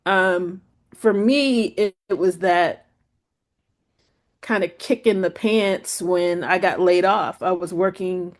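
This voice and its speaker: A guest photographer, a woman, tells her own story in a relaxed, slow, conversational interview. She peppers her talk with "like" and "you know," and acts out quoted speech with lively jumps in pitch.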